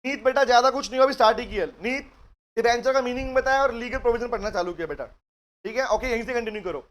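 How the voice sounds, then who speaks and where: A man's voice: very high voice, fast talker. A man giving a live online law lecture, coaxing his students with questions and mixing English phrases into Hindi. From India. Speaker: law teacher.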